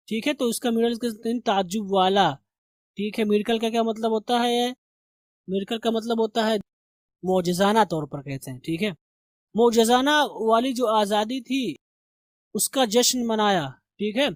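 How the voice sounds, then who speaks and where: A man, teaching English through line-by-line translation, reading English slowly and explaining quickly. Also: high voice, no echo. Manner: reads English slowly, then explains briskly in Urdu; repeats "theek hai" as a check-in.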